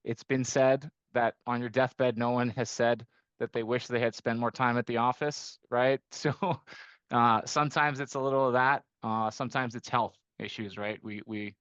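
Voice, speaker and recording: Here a middle-aged managing partner of an investment firm, who grew up in Costa Rica, discusses his investing as a podcast guest, restarting often and throwing in rhetorical "right?" The interview is conversational. His medium-pitched voice is steady, clear and resonant, fairly bright, at a normal speed, recorded without echo but sounding dull.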